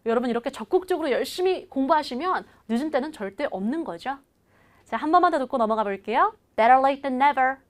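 Bright-voiced lady english teacher, pretty high and bouncy, drawls out phrases so you can copy them. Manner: lively, slows right down to model English phrases; coaching viewers to repeat after her. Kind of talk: online language lesson.

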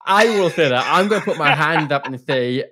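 Slightly high and quick, with lively intonation, this thirtysomething Northern Irishman talks earnestly and openly in a casual interview, restarting frequently, his accent a mix of Northern Irish, Scottish and English. He sits in a bookshelf-lined room at home with headphones and a studio mic on a boom arm, and there's background noise.

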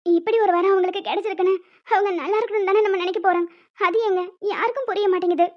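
A woman's voice: extremely high pitch, fairly even intonation, very fast, highs cut off. Woman voicing Anitha, a tearful cartoon young wife. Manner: pleading, sorrowful, deferential.

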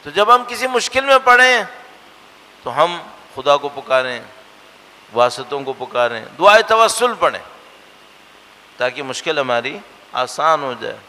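An earnest man delivering a religious lecture. His voice sits fairly high and bright, and it rings with a long reverb in a lecture hall. He pushes with rhetorical questions and then drops to hushed, soft lines. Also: very animated, unhurried, long pauses.

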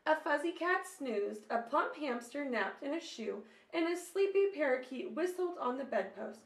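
A woman in her thirties, working as a children's storyteller, reads a picture book aloud to kids in a small room at home. Her high-pitched voice moves at a moderate pace with lively intonation, and she reads expressively, tossing in little questions and asides. The recording carries a slight echo from the room.

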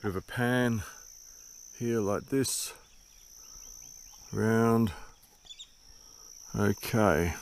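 A man in his sixties with a broad New Zealand accent, rambling casually to camera outdoors, laid-back and drily humorous, swearing freely. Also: fairly low pitch. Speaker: solo bicycle touring vlogger. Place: outdoors in open bushland. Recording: outdoor noise with insects.

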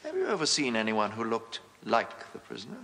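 An actor playing a shrewd male defense barrister in a period film, questioning a witness with mock politeness that rises to loud demands. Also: mid-range voice, huge pitch swings, fairly quick, background noise. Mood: probing.

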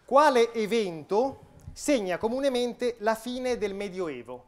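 A man's voice: extremely high pitch, animated, slow pace, heavy background noise. A man hosting a live quiz show on a stage. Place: stage in a hall with seated audience.

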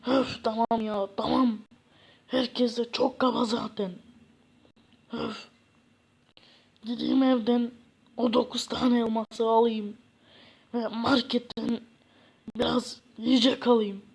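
A gloomy poor man who sighs and moans about his lot, voiced by a woman, talking slowly in a husky, fairly high voice. He drags his words out in a whiny drone. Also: flat delivery, darkish tone, full character voice. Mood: gloomy complaining.

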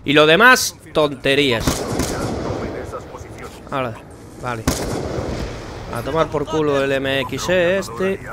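A young man with a Spain Spanish accent comments on his game as he plays, in a fairly high voice. He is frustrated and sarcastic and swears freely, with loud gunfire and game sounds clearly heard behind him. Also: animated, slow, pauses often, background noise. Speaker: gaming channel host. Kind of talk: live gameplay commentary.

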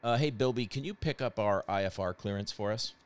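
Talking a little fast in a low, smooth voice, a man walks through a software demo. He explains each step in a casual, conversational way, as in a screen-share tutorial.

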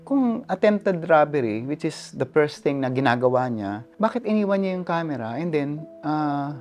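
A male photojournalist giving an animated personal account in an interview, switching between languages and often adding "no?" tags. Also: fairly high pitch, moderate pace, faint music behind. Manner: animated retelling, code-switching, frequent "no?" tags.

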